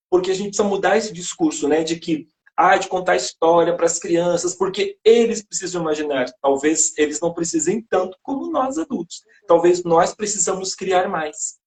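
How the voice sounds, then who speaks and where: A high-voiced Brazilian man talks on a live stream from a phone or call mic. He is an educator who speaks with passion and rhetorical flair, often asking a question and answering it himself. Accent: Brazilian Portuguese. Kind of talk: casual live-stream talk. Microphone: phone or video-call mic.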